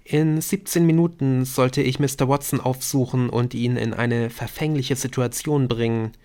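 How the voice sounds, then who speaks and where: A man reading an audiobook, voicing a quick-witted teenage girl with a dry, deadpan manner. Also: mid-range voice, clean tone, close to an everyday voice. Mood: determined.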